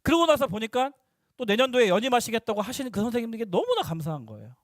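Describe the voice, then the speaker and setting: A young male youth pastor preaching to middle schoolers, lively and teasing, slipping into casual talk with the teens. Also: very high-pitched, rapid-fire, no echo, clean studio sound.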